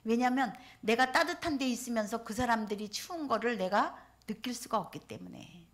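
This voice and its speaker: A woman's voice: a little high, animated, fairly quick. Emotional woman preaching a testimony. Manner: emotional storytelling, acts out voices, swings between soft and loud. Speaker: pastor's wife preaching. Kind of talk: sermon testimony. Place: church revival meeting.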